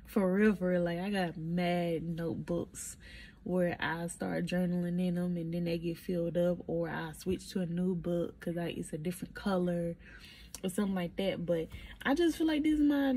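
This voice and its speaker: A young woman telling stories in a casual diary-style vlog, animated and emphatic, recorded on a phone. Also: on the low side, husky. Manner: animated storytelling, emphatic and encouraging. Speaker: vlogger.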